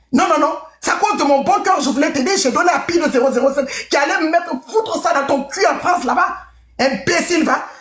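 A woman hosting a live stream, shouting scornful insults with mocking laughs. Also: sits high, roomy sound.

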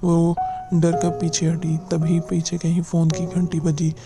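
A man reads a novel aloud in a measured, dramatic storytelling voice that slows down for the tense moments. His pitch sits a touch high for a man and stays fairly flat and even. Loud background music plays under the whole narration. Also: gravelly. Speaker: audiobook narrator.

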